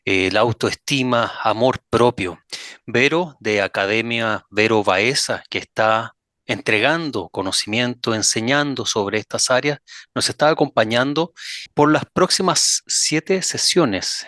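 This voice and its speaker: A man's voice: medium pitch, pushed and bright, no room sound, studio quality. A man hosting an interview, talking in an easygoing conversational way and often answering with short listening sounds. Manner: chatty, frequent listening sounds. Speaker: host. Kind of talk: casual interview.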